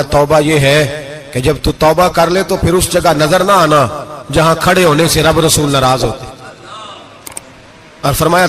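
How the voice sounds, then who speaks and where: A man's voice: a little high, fairly bright tone. A man preaching a sermon, firing rhetorical questions at his congregation, teasing one moment and stern the next. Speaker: religious preacher.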